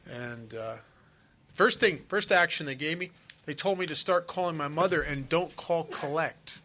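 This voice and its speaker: A middle-aged man giving an earnest, confessional personal testimony at a recovery meeting, with frequent halting restarts. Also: on the high side, pushed and bright, a little hiss or hum.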